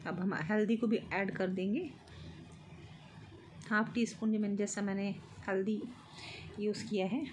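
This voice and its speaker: A woman's voice: medium pitch, flat delivery, unhurried, pauses often, a little mellow. Home cooking vlogger, woman, middle-aged; friendly step-by-step chat, phone-recorded with faint noise. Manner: chatty, explains step by step, light laughs. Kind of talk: casual cooking narration. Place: home kitchen.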